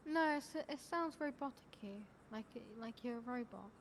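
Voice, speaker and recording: A woman playing a mechanic in a roleplay, talking casually and quickly, sometimes stumbling over her words. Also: high voice, slight background noise. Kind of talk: in-character roleplay chat.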